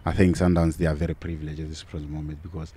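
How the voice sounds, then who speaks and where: A middle-aged man co-hosting a football podcast outdoors, relaxed and laughing often, repeating words as he talks, speaking into a mic on a stand. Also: extremely low pitch, very fast, slightly rough. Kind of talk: casual football talk. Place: outdoors on a sunny football field. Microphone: handheld mic on a stand.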